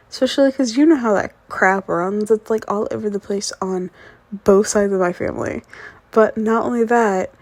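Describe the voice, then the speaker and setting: A woman's voice: on the high side, a little mellow, no echo. A woman in her twenties, raised speaking English and Spanish, rambling sleepily and casually with lots of fillers in a whispered role-play as a fiancée. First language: grew up speaking English and Spanish. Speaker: ASMR performer playing a fiancée.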